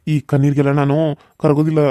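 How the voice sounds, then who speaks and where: A man's voice: on the high side, completely flat delivery, quick pace, warm tone, dry recording, studio quality, close to an everyday voice. A man voicing a menacing, scorned young village man in a cartoon serial, taunting and threatening with mocking laughs.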